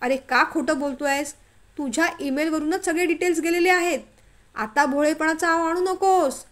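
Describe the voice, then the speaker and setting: A woman's voice: high-pitched, normal speed, a bit bright, voice pushed up. A woman voicing a scheming middle-aged male office manager with an accusing, dismissive manner. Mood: scornful.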